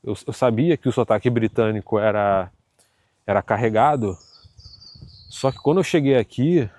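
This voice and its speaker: This man speaks in a mid-range voice on a dry recording, his Carioca Brazilian Portuguese accent marking him as from Rio de Janeiro. As a vlogger, he keeps his monologue relaxed and chatty, leaning on fillers and tag questions.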